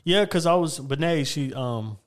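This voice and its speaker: A man's voice: fairly high pitch, lively intonation, normal speed. A man podcasting in casual chat, with slangy, profane phrasing.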